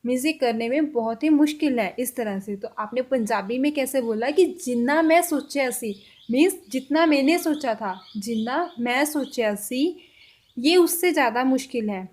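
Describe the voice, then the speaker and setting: High-voiced woman teaching sentences slowly. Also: animated, darkish tone. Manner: repeats example sentences slowly and carefully. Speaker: language teacher. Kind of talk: explaining a language lesson.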